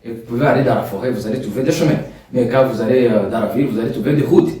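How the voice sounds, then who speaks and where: A Rwandan preacher, native in Kinyarwanda, speeds through a sermon very fast in a medium-pitched voice. In the echoey hall, heard on a far mic, he gets loud and insistent on key points and soft when praying.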